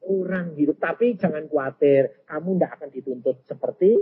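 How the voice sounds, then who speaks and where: An older man with a Javanese accent preaching a storytelling sermon, acting out dialogue and swinging from loud exclamations to soft asides. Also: a little high, brisk, breathy edge. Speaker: evangelist preacher. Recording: dull lo-fi sermon recording.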